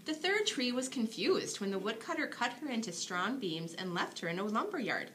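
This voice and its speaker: Animated woman reading a bedtime story. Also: on the high side, moderate pace, slight background noise. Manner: expressive, dramatic storytelling for children. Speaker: storybook reader. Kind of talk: bedtime story read aloud.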